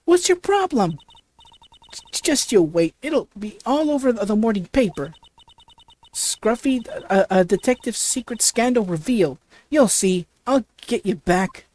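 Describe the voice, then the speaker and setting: A woman voicing a brash, loud southern woman photographer in a game, pushy and hollering. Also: on the low side, expressive, moderate pace, few pauses.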